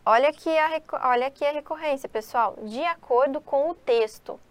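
This exam-prep lesson comes from a Brazilian Portuguese-speaking woman teacher who reads questions aloud, explains them, and poses and answers her own questions. She speaks fairly quickly in a high voice, on a dry recording.

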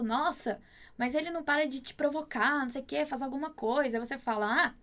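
Casting: high-pitched Portuguese-speaking woman as a Spanish tutor, slow drilled phrases, chatty asides. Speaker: Spanish teacher. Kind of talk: language lesson with drills.

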